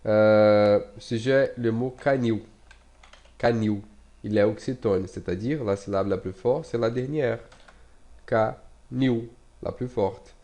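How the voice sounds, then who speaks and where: A man with a Brazilian Portuguese accent teaching a casual online language lesson in French, speaking slowly with many fillers and restarts, repeating and spelling out words as he types. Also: fairly low pitch, dark tone.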